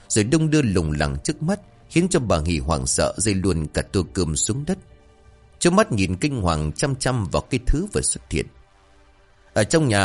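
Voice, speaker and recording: A man narrating a horror story in a dramatic, animated storytelling manner. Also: on the low side. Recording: faint background music.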